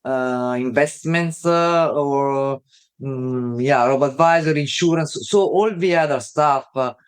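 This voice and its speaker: A woman's voice: rumbling low, unhurried, clean tone. A woman with an Italian accent, a guest on a podcast interview, speaking hesitantly with frequent fillers. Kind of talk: casual interview.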